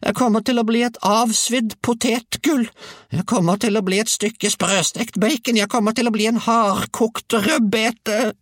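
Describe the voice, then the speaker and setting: A man voicing a nasty old grandmother who shrieks and yells in panic, in a very high, strained voice. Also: fairly even intonation, no room sound, clean studio sound. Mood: shrieking panic. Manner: screeching, panicky yelling.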